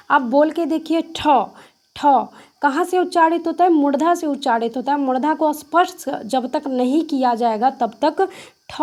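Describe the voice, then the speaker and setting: A woman with a high voice teaches an exam-prep grammar lesson. She asks a question, answers it herself, and says each point again, dropping in the odd English word. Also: a little mellow. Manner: mixes English words into explanations.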